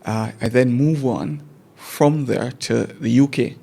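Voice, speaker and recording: This guest teacher, a Jamaican-accented man in his forties, has a gravelly, warm mid-range voice. Recalling his school days in a conversational interview, he tells his story in a measured way and frequently repeats words while remembering.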